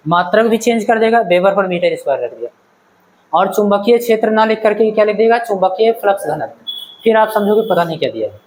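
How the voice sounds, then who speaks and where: A man's voice: sits high, slight background noise, poor audio. Male physics teacher, faint ambience. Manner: questioning, checks understanding, calls students "beta". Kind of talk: classroom lecture.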